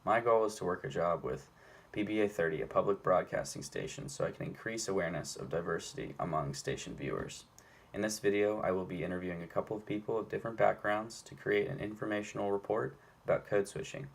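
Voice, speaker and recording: A man's voice: lowish voice, fast talker, gravelly. A young man in his twenties hosting a casual student interview, asking questions with many fillers and restarts.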